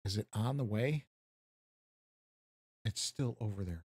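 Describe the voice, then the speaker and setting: Speaking slowly in a lowish, mellow, slightly husky voice, this American man streams a farming game and rambles through casual commentary. He pokes fun at himself and laughs at his own jokes, captured in studio quality with no echo.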